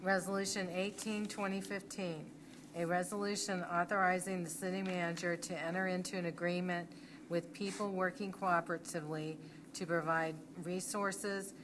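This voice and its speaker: A woman clerk reads formal business in an even, little-varying tone. She is businesslike and procedural, and there is clear noise in the meeting room. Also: fairly low pitch, normal speed. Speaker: city clerk. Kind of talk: formal reading and roll call. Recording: noisy public meeting room.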